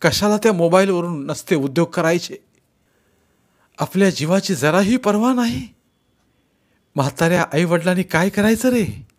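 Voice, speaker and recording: A man's voice: sits high, lively intonation, moderate pace, long pauses, pitched above the performer's own voice. A man voicing an elderly father who is frightened and grieving, with a trembling, agitated and tearful delivery. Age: older.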